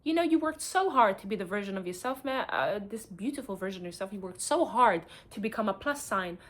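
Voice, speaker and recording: A woman's voice: mid-range voice, animated, a little fast. A woman giving casual, emphatic relationship advice to camera, calling the listener honey and darling and slipping Arabic and French words into her English. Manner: calls the viewer honey and darling. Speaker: advice vlogger.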